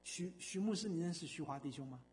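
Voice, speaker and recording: Older man, high voice, very lively pitch, emphatic church storytelling, lots of fillers. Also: fast talker, faint music behind. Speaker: speaker giving a testimony. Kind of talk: storytelling sermon.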